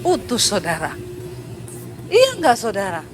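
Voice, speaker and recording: A woman pastor preaching a sermon, animated and teasing, acting out conversations as she goes. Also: on the high side, unhurried, music in the background. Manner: animated, acts out dialogue, teasing humor.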